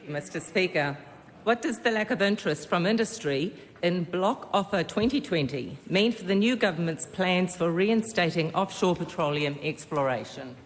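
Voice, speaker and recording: A woman's voice: lowish voice, expressive, moderate pace. New woman questioning in echoing parliament. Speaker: member of parliament asking questions. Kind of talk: parliament speech, scripted questions. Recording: echoey chamber, noticeable background noise.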